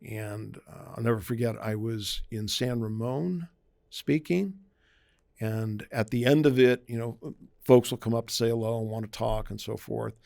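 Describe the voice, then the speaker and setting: A man's voice: medium pitch, moderate pace, creaky, a little mellow, dry recording, clean studio sound. A man, a private investigator, talking through safety tips in a conversational podcast interview, often acting out quoted voices. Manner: conversational, acts out quoted voices, emphatic warnings.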